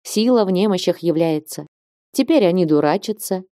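A woman voicing a devout young girl who speaks quietly and earnestly, with rapture. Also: on the low side, expressive, normal speed, no echo, clean studio sound, lightly acted.

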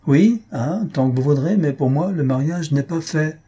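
Brief: reader playing a pompous middle-aged father, emphatic, dark husky voice. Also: a little high, expressive, normal speed, voice pushed up. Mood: worried. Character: pompous bourgeois father, eager to marry off daughter.

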